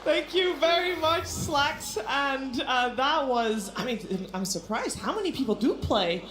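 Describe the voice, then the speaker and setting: Lively woman hosting a panel. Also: high voice, a little slow, reverberant, faint music behind. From Netherlands. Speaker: panel host. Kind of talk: esports broadcast panel hosting.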